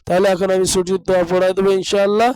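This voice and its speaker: Man, madrasa teacher, slow drilled chanting, crisp resonant voice. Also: high-pitched, completely flat delivery, a little mellow. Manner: slow, drawn-out demonstration of letter sounds; recites lists in a chanting, drilled way. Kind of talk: online Arabic pronunciation lesson.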